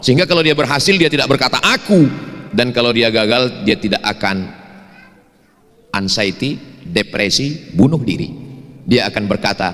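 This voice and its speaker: Joking preacher in a reverberant hall. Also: male voice, medium pitch, normal speed, long pauses. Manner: jokey storytelling with lively asides. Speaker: preacher and university lecturer. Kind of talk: humorous sermon to students. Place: large hall at a campus evening event.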